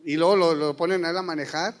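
A man's voice: a little high, fairly even intonation, fast talker. A middle-aged man with a Mexican accent preaching a sermon as a pastor, folksy and joking, calling his listeners brothers.

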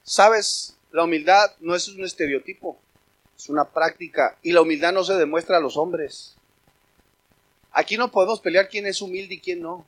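A pastor preaching a sermon, emphatic and speaking directly to the congregation as brothers. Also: male voice, high voice, normal speed.

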